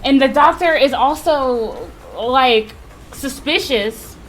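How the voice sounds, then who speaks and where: A woman's voice: high-pitched, lively intonation, takes it slowly, a bit bright, faint music behind, rough recording. A young adult woman streaming a visual novel, reacting with blunt, profane, slangy exclamations and reading the text aloud.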